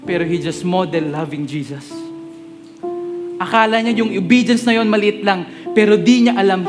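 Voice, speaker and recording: High-voiced man preaching over guitar. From Philippines. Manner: switches between Tagalog and English mid-sentence; chatty, jokes with the congregation. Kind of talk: sermon.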